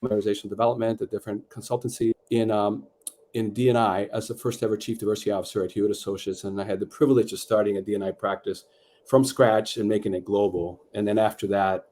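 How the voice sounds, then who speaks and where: A middle-aged man from Peru, a guest author talking in a measured, reflective way with many fillers over a video call. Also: fairly low pitch, dark tone, slight background noise. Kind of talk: conversational interview.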